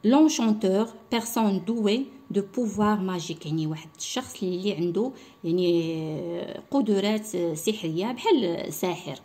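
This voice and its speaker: A young woman with a Moroccan accent teaching a primary French lesson online, explaining in Darija and reading French lines slowly, syllable by syllable. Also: medium pitch, animated, mellow.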